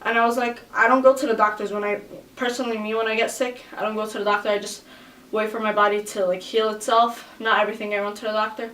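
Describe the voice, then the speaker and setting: A woman's voice: level tone, fast, a bit bright, far from the mic. Chatty woman vlogger in an echoey room. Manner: chatty, uses many fillers, acts out quoted voices in high shrieks. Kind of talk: casual storytelling.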